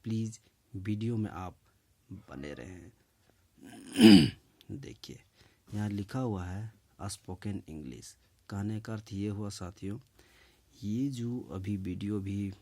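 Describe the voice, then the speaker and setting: A man with a lowish, warm voice hosts his own English lesson. He speaks slowly and deliberately, dictating and repeating each phrase. He often checks in with his listeners with "okay". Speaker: English teacher and channel host.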